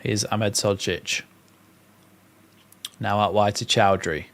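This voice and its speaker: On a watchalong stream, a young man with a northern English accent provides live match commentary and chat in a lowish, steady, slightly bright voice at a slow pace. He alternates calling the action with reading viewers' comments aloud.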